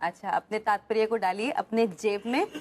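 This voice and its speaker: An actress playing a poised, teasing modern housewife who talks crisply and drops English phrases into her speech. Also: mid-range voice, moderate pace, slight background noise, lightly acted. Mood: brisk. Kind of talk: sitcom acting.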